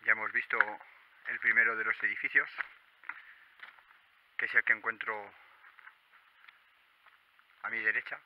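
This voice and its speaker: Low-voiced Spanish man, muffled night vlog. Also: level tone, measured pace, pauses often, noisy background. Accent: Spanish, from Spain. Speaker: urban exploration vlogger. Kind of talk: hushed narration of a night exploration vlog. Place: on foot at night among abandoned rural buildings and woods.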